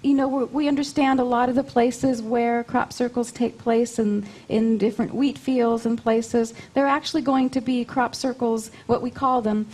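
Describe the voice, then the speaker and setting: A woman's voice: a little high, level tone, normal speed, few pauses, darkish tone. A woman being interviewed, explaining things conversationally and often repeating her phrases as she goes. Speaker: interview guest, spiritual channeler.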